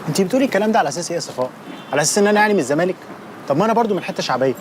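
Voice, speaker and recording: A man's voice: high-pitched, animated, rapid-fire, background noise. An actor playing an Egyptian young man who courts a classmate and coaxes her with teasing charm. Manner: pleading, coaxing.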